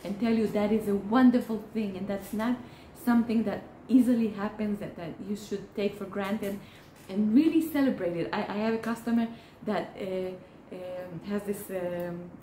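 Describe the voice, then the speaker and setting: A mellow, earnest woman with a mid-range voice, a therapist whose first language is Hebrew, gives advice straight to the camera. She is encouraging but halting, restarting often. The room echoes and there's slight background noise.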